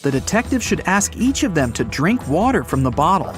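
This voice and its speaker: A man narrating riddle stories in a scripted, lively storytelling way. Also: on the high side, fairly quick, music in the background.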